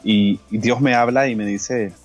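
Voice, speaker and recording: A man's voice: on the low side, fairly even intonation, unhurried, highs cut off, faint music behind. A man with a Honduran accent, a guest singer and pastor, tells a personal story in an interview, acting out the dialogue and often repeating words. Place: radio studio.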